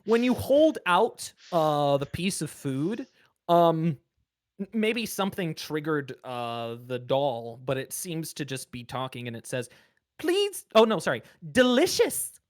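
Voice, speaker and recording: A game master narrating a tabletop game casually, improvising and searching for words in a halting way. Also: medium pitch.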